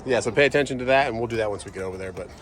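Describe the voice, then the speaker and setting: A trucker vlogger in his thirties talks casually to camera, explaining a job on his truck in a family vlog and how-to style, easygoing and thinking aloud as he works. His voice is low, a bit bright and very fast, with a little hiss or hum.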